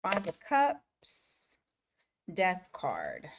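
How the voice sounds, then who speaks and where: A woman's voice: lowish voice, huge pitch swings, very slow, slight background noise. A woman giving live tarot readings, talking casually to viewers, laughing often and circling back on her words. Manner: chatty, laughs often, restarts and fillers. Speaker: tarot reader.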